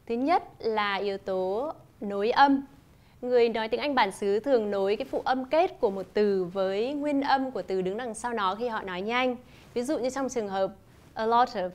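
Woman teacher with a higher voice, explaining clearly. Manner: clear, measured explaining, demonstrating English sentences. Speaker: English teacher. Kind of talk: scripted lesson narration.

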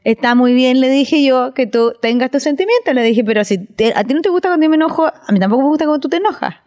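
High-pitched Chilean woman, animated. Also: fast. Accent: Chilean Spanish. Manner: animated, acts out her child's voice. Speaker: podcast co-host. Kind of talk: casual chat.

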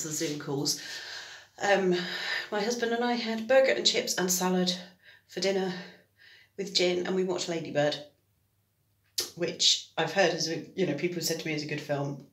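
A woman's voice: lowish voice, moderate pace. A British woman chatting casually in a diary vlog from home, rambling and correcting herself as she goes. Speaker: vlogger. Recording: echoey room.

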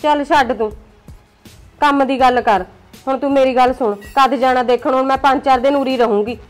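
A woman's voice: high-pitched, steady tone, moderate pace, soft background music, close to an everyday voice. A middle-aged woman, acting a scornful, meddling aunt in a village family drama series. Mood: scheming. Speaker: paternal aunt (bhua) pushing a match.

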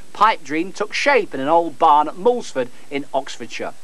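A man reporting a news feature, narrating and interviewing with a lively, playful delivery. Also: on the high side, rough recording.

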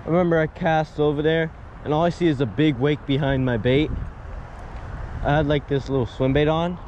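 A man filming himself bass fishing at a pond, talking casually to himself and his companion as he casts. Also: moderate pace, dull audio. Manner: relaxed, mutters to himself while casting. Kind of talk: casual running commentary. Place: grassy pond bank outdoors. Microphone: body-worn action camera. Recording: outdoor action-cam audio with clear background noise.

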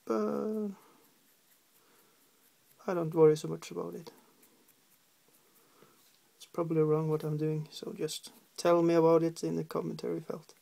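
Humming as he works at an indoor desk, a hobby painter from Norway stumbles hesitantly through a miniature painting tutorial, using many fillers. He speaks with a Norwegian accent in a warm, creaky, slightly high voice with a level tone.

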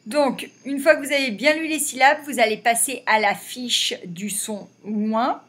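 A woman teaching a reading lesson to young children, slowly sounding out syllables one by one. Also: on the high side, fairly bright tone, breathy edge. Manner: slow and deliberate, sounding out syllables. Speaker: primary school teacher.

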